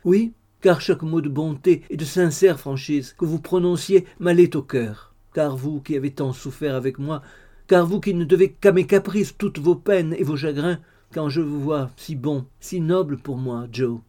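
A man's voice: fairly high pitch, moderate pace, warm tone, close to an everyday voice. A man reading the lines of a tearful, ardent young woman in an audiobook, with fervent, sobbing pleas. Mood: tearful, pleading.

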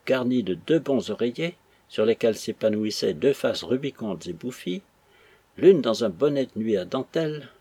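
A man reading a classic novel aloud in an expressive way. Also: medium pitch, slightly rough, no echo. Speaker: audiobook narrator. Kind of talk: scripted narration of a classic novel.

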